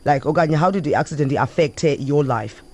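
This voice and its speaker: A woman's voice: low voice, quick pace, a little mellow. A woman with a South African Xhosa accent hosting a radio interview, switching between English and Xhosa. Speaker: radio host.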